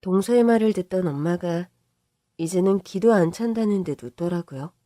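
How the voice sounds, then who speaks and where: A woman narrating a first-person family story in a measured, confiding way. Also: lowish voice, dark tone, no room sound, clean studio sound.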